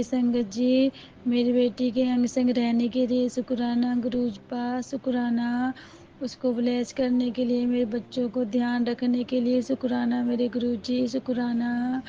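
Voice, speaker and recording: Woman from delhi sharing a devotional story, mellow slightly high voice, halting, keeps saying guru ji. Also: lo-fi sound, slight background noise. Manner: halting, repeats "sangat ji" and "guru ji" often. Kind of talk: devotional testimony.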